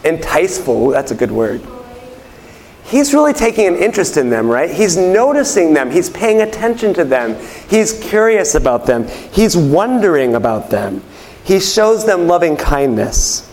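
A man's voice: on the high side, very animated, normal speed, a little mellow. A man pastor giving a conversational sermon, telling everyday stories and asking the congregation questions, then repeating their answers. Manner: chatty storytelling.

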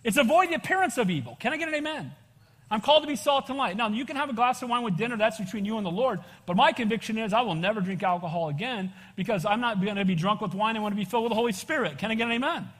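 A man's voice: high-pitched, animated, rapid-fire, hardly any pauses, fairly bright tone. An older American man preaching an evangelical sermon as a pastor, exhorting his congregation with conversational asides and frequent calls for amens. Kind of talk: evangelical sermon, expository Bible teaching. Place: large church room, preaching to congregation. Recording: echoey hall with long reverb.

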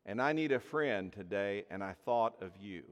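A man's voice: lowish voice, normal speed. A man preaching a sermon to a congregation, telling a personal story and acting out the voices in it. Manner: animated storyteller acting out dialogue. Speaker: pastor. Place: church hall with audience. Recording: long hall reverb.

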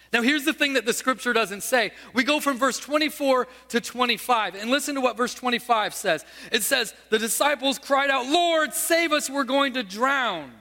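Male pastor with a very high, bright voice, preaching in a storytelling way. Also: in a large hall. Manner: storytelling, asks the listeners questions. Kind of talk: sermon.

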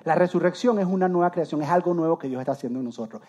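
A pastor with a highish, warm voice preaches a sermon very fast, heard through a muffled recording. He talks conversationally and addresses his listeners directly, often restarting and repeating words.

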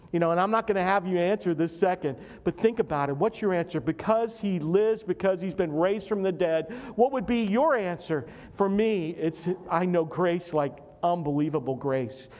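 A male pastor with a high voice preaches earnestly, driving his points home by repeating key phrases. His words ring out with a long reverb in a church sanctuary. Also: moderate pace, darkish tone. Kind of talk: sermon.

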